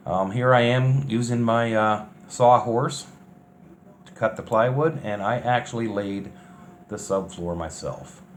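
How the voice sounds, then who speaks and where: A vlogger recapping his DIY bus conversion narrates the build footage casually and without a script, in a folksy, colloquial style. His voice is on the low side and a little slow. Clear, steady background noise and ambience run underneath.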